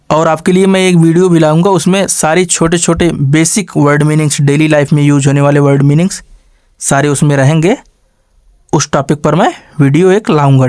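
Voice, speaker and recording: A man teaches an English grammar lesson, asking questions and answering them himself, tacking a quick "okay" onto every step. He slows down to spell out example sentences word by word. His pitch is fairly high, and the studio-quality recording has no echo.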